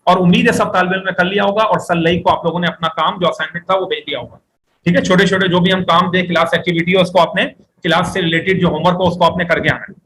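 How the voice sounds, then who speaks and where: A man teaching an Arabic class, explaining step by step, asking the students questions and reading phrases slowly for them to repeat. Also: sits high, fairly even intonation, a bit bright, a little hiss or hum, low-quality recording. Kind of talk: classroom lecture.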